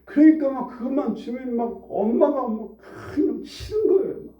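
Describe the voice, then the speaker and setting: A pastor in his forties preaching a conversational sermon in a church, swinging between hushed asides and loud, high outbursts. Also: animated, normal speed. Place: church sanctuary. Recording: roomy, distant, dull church recording.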